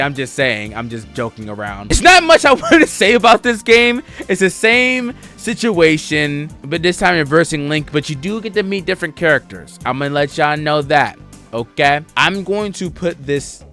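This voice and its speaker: A young man giving casual, joking tier-list commentary on video games, excitable and chatting straight to his viewers. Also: fairly high pitch. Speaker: gaming YouTuber.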